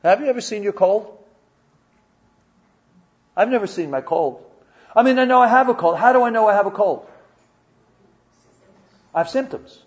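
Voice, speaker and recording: This church sermon comes from a pastor whose voice is high and lively, moving at a normal speed with frequent pauses. He often restarts and repeats himself in stammering bursts and asks the congregation questions as if in conversation, all captured in dull audio.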